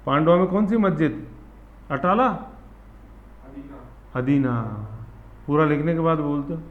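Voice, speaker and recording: A man teaching an exam-prep class, lively and full of memory tricks, often checking that students follow. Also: fairly high pitch, moderate pace. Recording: roomy, dull lo-fi classroom sound.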